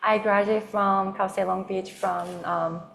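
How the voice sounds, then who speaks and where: A woman in her twenties, from Japan, giving a brisk, cheerful introduction on a panel. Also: medium pitch, fairly even intonation, gravelly, a bit bright. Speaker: panelist, digital marketing professional.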